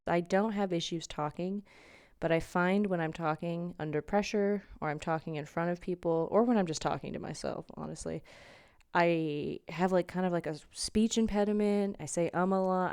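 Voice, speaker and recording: Young woman, casual solo podcast, sarcastic and rambling, lowish voice, dry close sound. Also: normal speed, darkish tone, clean tone, no room sound. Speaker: podcast host. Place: bedroom at home.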